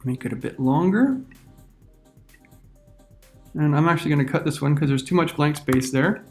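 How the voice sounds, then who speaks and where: A teacher walks through a video-editing lesson, narrating each click as he makes it. His voice sits a little high for a man. Soft music plays faintly underneath. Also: moderate pace. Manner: talks through each step while clicking. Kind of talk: screen-recorded software tutorial.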